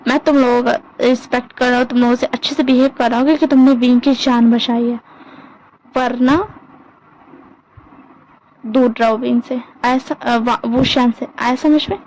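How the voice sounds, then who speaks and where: A woman's voice: a little high, steady tone, moderate pace, long pauses, darkish tone, slight background noise, lightly acted, low-quality recording. A woman doing a stern, bossy young man. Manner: scolding, bossy.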